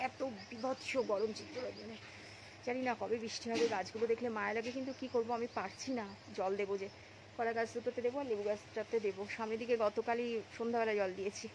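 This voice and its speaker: A rather high-pitched woman with a Bengali accent talks casually to her viewers as if they were friends, filming herself on a phone. The audio is noisy, with clear background sound around her. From India. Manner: chatty, addresses viewers as friends; speaks softly inside the temple. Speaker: vlogger. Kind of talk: casual vlog narration. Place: temple and home, partly outdoors.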